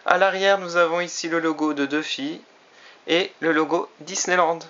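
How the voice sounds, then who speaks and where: Male toy reviewer, fairly high voice, chatty and hesitant, muffled lo-fi camera mic. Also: steady tone, moderate pace, pushed and bright. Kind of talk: casual product review. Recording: slightly dull lo-fi recording.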